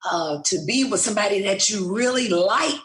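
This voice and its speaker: A woman in her sixties, a retired math teacher, chatting as a guest in a relaxed, thoughtful way with many pauses. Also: mid-range voice, roomy sound. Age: 60s. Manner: slow, thoughtful, with fillers. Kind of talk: casual interview chat.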